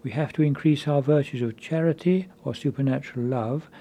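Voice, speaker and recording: A man giving a measured, earnest spiritual conference talk as a preacher. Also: mid-range voice, mellow.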